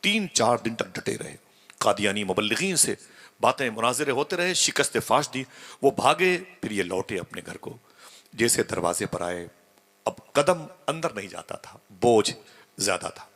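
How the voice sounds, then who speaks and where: A man delivers an emotional sermon in a low voice that is gravelly and husky. He tells a story, building to loud, forceful peaks and then falling to near-hushed tones. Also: very animated, normal speed. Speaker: Islamic preacher.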